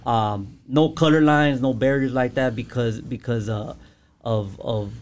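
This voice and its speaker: A man speaking as a podcast guest in a casual, personal way, halting and searching for words in loose slang. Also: medium pitch, darkish tone. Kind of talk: casual chat, personal testimony.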